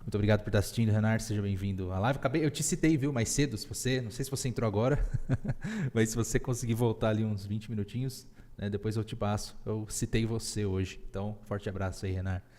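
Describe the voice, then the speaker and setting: Speaking fast in a fairly low, mellow voice, a podcast host and English teacher with a Brazilian Portuguese accent hosts a live web-based English class. He's upbeat and teacherly, weaving English phrases through his explanations, and the audio carries a big-room quality.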